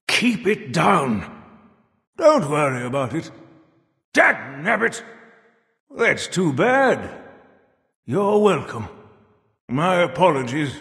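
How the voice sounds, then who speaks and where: In video game voice lines, an actor plays a jovial, grandfatherly old Father Time, theatrical, emphatic and folksy. His voice is high, creaky and sharp, heavily acted, and the recording carries a long reverberant echo.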